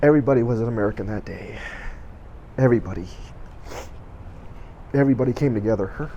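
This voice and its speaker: A middle-aged man telling a personal story in a loose, rambling way, full of "you know" and restarts. His voice sits at an ordinary pitch and carries emotion. A faint noise hums underneath. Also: fairly quick, highs cut off. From Southern California. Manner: rambling, many fillers and self-corrections. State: emotional, choking up. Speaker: vlogger.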